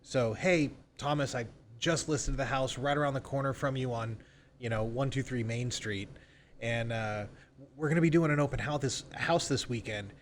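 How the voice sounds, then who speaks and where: In a conversational podcast interview, a man working as a real estate agent explains sales calls informally and acts out sample phone calls. His mid-range voice keeps a moderate pace, with a little hiss or hum audible.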